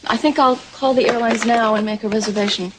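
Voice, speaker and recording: A woman's voice: on the high side, steady tone, fast, very noisy, lightly acted. An actress playing an anxious, proud young pregnant woman in a 1980s soap opera, talking hesitantly with stumbling restarts. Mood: anxious, defensive.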